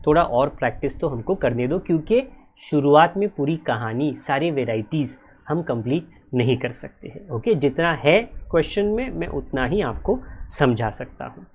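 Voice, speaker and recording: Lively male accountancy teacher. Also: normal speed, slightly rough. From Maharashtra, India. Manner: lively storytelling with dramatic swings in pitch and loudness. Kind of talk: classroom lecture mixing Hindi and English.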